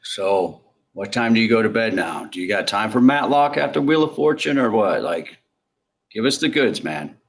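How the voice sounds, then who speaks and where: Low-voiced, rambling forty-five-year-old man. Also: lively intonation, moderate pace. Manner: rambling, profane, joking. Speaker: podcast host. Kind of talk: casual podcast chat.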